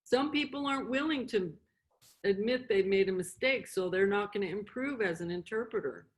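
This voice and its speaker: A middle-aged woman, a sign language interpreter and instructor whose first language is English, gives an informal beginner lesson in an animated, medium-pitched voice at normal speed. She explains in short, simple steps, repeating things and asking questions to check in.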